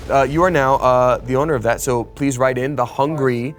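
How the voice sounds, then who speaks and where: A man's voice: mid-range voice, normal speed, faint music behind. A man hosting a board game, reading out the rules and story cards to the players in a theatrical way. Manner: theatrical, lively rule-reading.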